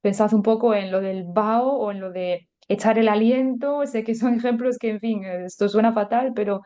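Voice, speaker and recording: Woman, language teacher, chatty and explanatory, mellow warm tone. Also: fairly high pitch, normal speed. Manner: chatty and explanatory, many filler words. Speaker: German teacher. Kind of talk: podcast language lesson.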